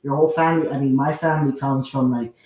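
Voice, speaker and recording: A young man from the United States, a guest in a casual conversation, talking eagerly in rushes with many restarts. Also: mid-range voice, fairly even intonation, darkish tone. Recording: roomy echo.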